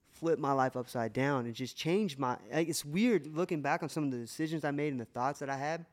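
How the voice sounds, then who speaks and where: A man with a mid-range voice co-hosts a casual faith podcast, sharing his beliefs in an earnest, emotional testimony marked by many restarts.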